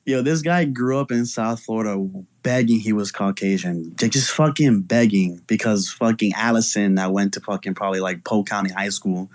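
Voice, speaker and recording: A man's voice: fairly low pitch, moderate pace, hardly any pauses. A man in a heated online argument, taunting and mocking with lots of profanity.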